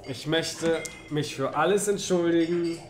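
Male, slightly high voice, grumbling hungover adventurer in tabletop roleplay, echoey room. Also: a little slow.

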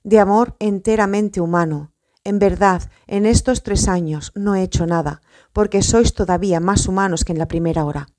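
A woman voicing a gentle, sorrowful male teacher who speaks calmly and solemnly. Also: mid-range voice, normal speed, dry recording, natural voice. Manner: calm, solemn.

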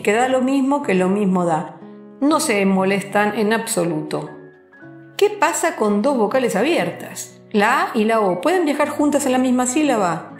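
A woman teacher narrating a lesson in a playful, storytelling way, asking rhetorical questions along the way. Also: mid-range voice. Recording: roomy echo, faint background music.

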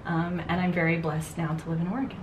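A woman makeup artist chatting and telling stories while doing someone's makeup, giving gentle directions and laughing often. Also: lowish voice, flat delivery, fast talker, dull audio. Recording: echoey room with faint noise.

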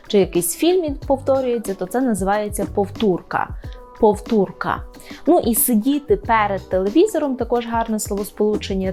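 A woman at a mid pitch teaches vocabulary in an online lesson. She explains calmly, keeps checking that the listener follows, and slows down to say each example word carefully. Faint music plays underneath. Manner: explains patiently, often checks with "так?"; says Polish example words slowly and clearly. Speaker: Polish language teacher.

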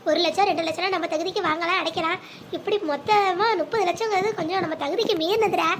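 A devoted cartoon mother, anxious yet tender, coaxing her child with endearments, voiced by a woman. Her voice is very high and brisk. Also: slight background noise. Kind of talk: animated family drama voicing.

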